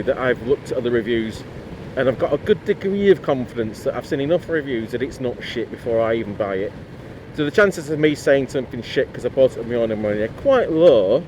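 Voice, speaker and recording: Chatty Northern English biker. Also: male voice, mid-range voice. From Lancashire, England. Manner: chatty, rambling, blunt. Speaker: motorcycle vlogger. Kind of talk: casual talk while riding. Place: outdoors riding a motorcycle in the cold. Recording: faint road and traffic noise.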